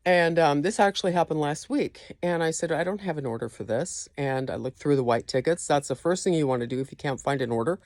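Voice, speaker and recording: An informal, instructive store trainer with a voice of middling pitch walks a new colleague through procedures. The delivery is explanatory and practical, regularly pausing to check that the listener follows. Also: darkish tone, dry recording. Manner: instructive, checking in often with "okay?". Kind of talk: informal staff training walkthrough.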